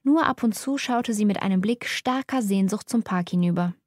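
Female narrator, measured and mock-solemn, dry studio sound. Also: mid-range voice, a little mellow, no echo. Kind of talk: scripted storybook narration.

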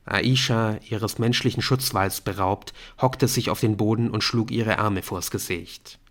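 A man narrating an audiobook in a steady, even reading voice. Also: lowish voice, a little slow.

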